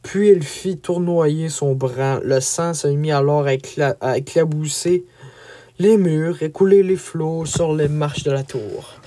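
A man reading a chapter of a medieval romance aloud as an audiobook, with expressive storytelling. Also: a little high, a little slow. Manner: expressive, rising on action. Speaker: audiobook reader. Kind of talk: dramatic storybook narration.

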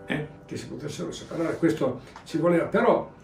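Priest rambling through a sermon in an echoey church. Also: male voice, on the high side, expressive, fairly quick, vocal fry, recorded from a distance, faint music behind. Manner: rambling, repeats phrases, tags lines with "eh?" and "vedete".

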